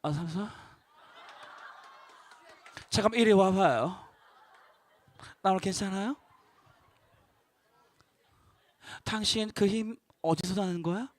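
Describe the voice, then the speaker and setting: A man's voice: high voice, a little slow, pauses often, voice pushed down. A male pastor voicing a coy young woman who coaxes and pleads in a cute, whiny way.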